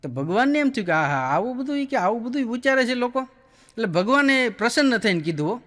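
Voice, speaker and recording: A Kathiawadi Gujarati comedian tells his jokes in a folksy storytelling way, acting out each person in his stories. His voice sits high for a man. A long hall reverb trails after his words. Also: very animated, brisk, fairly bright tone. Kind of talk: stand-up joke telling.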